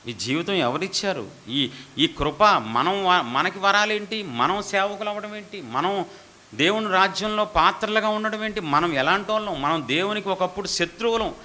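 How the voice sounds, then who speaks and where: A man's voice: high-pitched, animated, normal speed, sharp tone. A male pastor preaching an impassioned sermon, asking rhetorical questions and acting out the voices of the people in his story.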